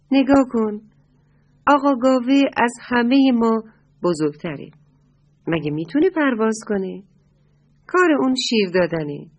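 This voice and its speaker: Brief: gentle rooster dad read by a woman, reassuring, slightly breathy voice. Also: mid-range voice, highs cut off, natural voice. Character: wise, kindly father rooster of the farm.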